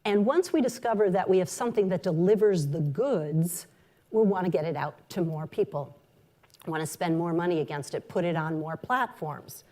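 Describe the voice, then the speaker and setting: A woman marketing executive giving a conference talk, measured and sprinkled with ums and uhs. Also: on the low side, warm tone.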